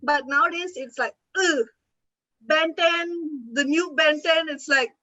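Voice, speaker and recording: High bright-voiced woman chatting. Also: unhurried, dry recording, highs cut off. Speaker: student council host. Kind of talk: casual group chat on a livestream.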